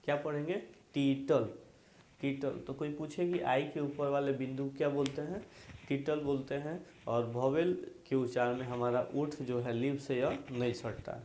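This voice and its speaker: A man's voice: mid-range voice, steady tone, moderate pace, a little mellow, a little hiss or hum. A man teaching an English grammar lesson, drilling points again and again and quizzing his students, asking them to repeat after him. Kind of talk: classroom lesson explaining grammar. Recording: echoey room.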